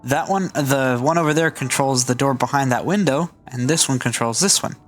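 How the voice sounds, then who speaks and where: A man's voice: mid-range voice, moderate pace, soft background music. A man hosting a game video, explaining things casually as he plays. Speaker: gaming channel host.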